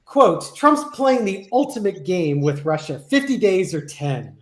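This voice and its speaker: A man's voice: high voice, sing-song, a little slow. A man co-hosting a tarot show, chatting casually and laughing often. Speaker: tarot reader and co-host. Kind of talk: casual chat. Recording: roomy echo.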